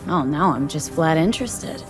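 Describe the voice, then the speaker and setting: Cool low-voiced mercenary woman. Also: lively intonation, moderate pace, over music. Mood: curious. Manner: terse, wry, slangy. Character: cool, tough, streetwise female mercenary. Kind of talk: video game voice acting.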